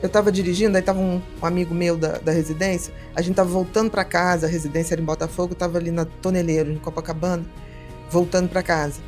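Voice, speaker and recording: A middle-aged woman, a psychiatrist telling stories in a casual podcast conversation, lively and acting out the people she quotes. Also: fairly low pitch, fast, faint music behind. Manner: animated storyteller, acts out quoted voices. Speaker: psychiatrist guest.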